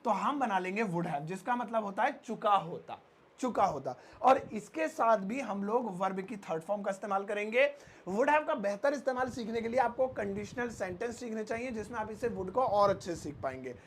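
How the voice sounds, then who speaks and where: High-pitched man teaching English grammar. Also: breathy edge. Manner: explains with lively made-up examples, repeats phrases slowly. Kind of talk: Hindi-language English grammar lesson.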